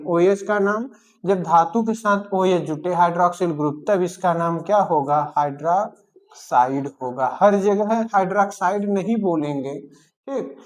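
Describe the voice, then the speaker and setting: A man teaching chemistry in a lecture style, asking the class questions and then answering them himself while repeating the key terms. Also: high-pitched.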